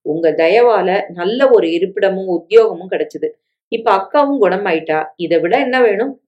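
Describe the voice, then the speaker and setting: A woman's voice: mid-range voice, animated, unhurried, a little mellow, dull audio, lightly acted. A woman voicing a grateful young woman who speaks with heartfelt words, in a storybook reading.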